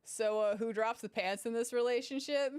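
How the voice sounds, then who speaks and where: A woman's voice: fairly high pitch, normal speed, a little mellow, clear, resonant tone. A woman streamer commenting casually on a video game, giddy, crude and self-mocking, with rambling restarts. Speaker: gaming streamer. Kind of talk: casual let's-play commentary. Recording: game music underneath.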